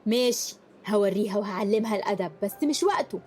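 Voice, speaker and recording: An actress with an Egyptian accent playing a protective, quick-tempered young female student friend in a radio drama, blunt in her speech. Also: medium pitch, expressive, warm tone, a little hiss or hum, close to an everyday voice. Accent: Egyptian Arabic.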